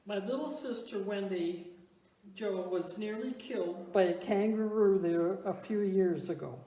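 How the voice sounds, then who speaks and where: Woman doing a stubborn older ma in a comedy skit, slow emphatic talking, echoey room. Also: mid-range voice, mellow, lightly acted. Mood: stubborn, alarmed. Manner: emphatic, deliberate refusals. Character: stubborn older Wisconsin wife Ma, dismissive and emphatic. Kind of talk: amateur church comedy talk-show skit. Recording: roomy echo, background noise.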